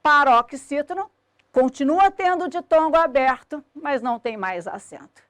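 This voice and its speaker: A woman teaching a recorded grammar lesson, slowly spelling out syllables and word endings. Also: high voice, lively intonation, fairly bright tone, no room sound. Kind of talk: recorded video lesson at a board.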